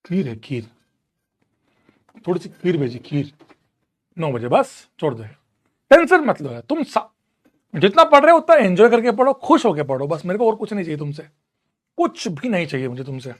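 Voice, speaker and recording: A man's voice: high voice, sing-song, moderate pace, long pauses. Chatty, teasing young male teacher. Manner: chatty, teasing, answers student comments. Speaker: online teacher. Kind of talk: casual live class banter. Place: room at home.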